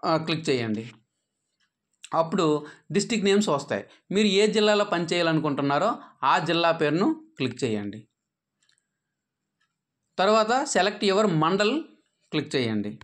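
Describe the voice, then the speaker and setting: A man with a slightly bright voice narrates a patient, step-by-step screen tutorial for an app. He instructs carefully, pausing on frequent "aa" fillers and dropping his pitch at the end of each sentence.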